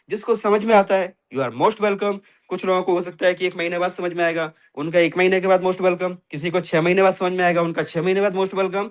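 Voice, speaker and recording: A man hosting a network marketing session on a video call, preaching and emphatic, often calling his listeners friends. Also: high voice. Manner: preachy and emphatic, repeats "dosto". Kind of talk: motivational pitch on a video call.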